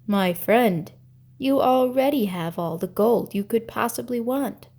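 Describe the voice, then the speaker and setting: An indulgent god of ancient myth, played by a woman storyteller. The speech is slow and measured, gently admonishing, as a storybook deity who grants wishes and scolds folly. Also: on the high side. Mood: indulgent, disappointed. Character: merry male god, indulgent but admonishing.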